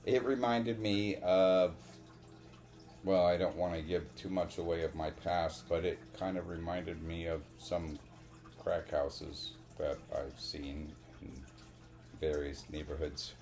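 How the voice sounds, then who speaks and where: Slow deep-voiced man chatting. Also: fairly even intonation, darkish tone. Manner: rambling, halting, swears casually. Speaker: podcast co-host. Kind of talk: casual chat.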